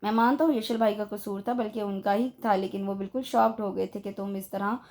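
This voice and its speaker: A woman's voice: medium pitch, steady tone, brisk, a little mellow, natural voice. A woman reading the lines of a young man, an earnest and teasing cousin, in a spoken-word novel.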